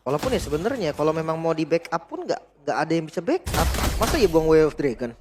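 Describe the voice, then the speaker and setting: A man casts an esports match. His voice is high and he speaks quickly. Game noise with clicks and gunfire is clearly heard behind him. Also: sing-song. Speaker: esports caster.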